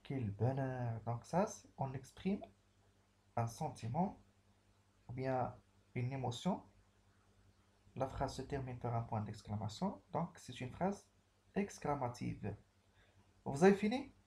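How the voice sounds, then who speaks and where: A man's voice: mid-range voice, expressive, slow pace, long pauses, warm tone. A man teaching a grammar lesson to pupils, patiently repeating each key phrase.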